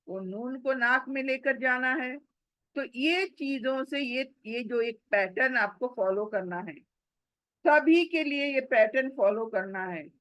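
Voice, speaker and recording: A woman's voice: a little high, bright, forceful tone, dry recording, poor audio. A woman teaching Quran recitation step by step, patiently explaining the rules and stretching and repeating sounds to demonstrate them. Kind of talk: step-by-step pronunciation lesson.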